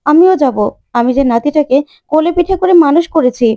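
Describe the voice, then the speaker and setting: A woman's voice: high-pitched, fairly quick, warm tone, pitched above the performer's own voice, natural voice. A woman voicing a blunt, grieving elderly grandmother in a retold TV serial.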